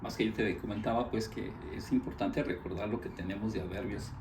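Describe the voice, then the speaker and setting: Male teacher, gravelly voice, patient step-by-step drill delivery, faint background noise. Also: fairly low pitch, fairly even intonation, brisk, echoey room. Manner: patiently drills verb forms one by one; explains step by step to a student. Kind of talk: language lesson.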